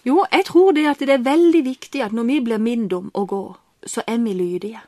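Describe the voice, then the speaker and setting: A woman's voice: a little high, dark tone, no room sound, studio quality. A woman telling a personal faith story as an interview guest, earnest and full of fillers, acting out her own prayers as she goes. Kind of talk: personal testimony in conversation.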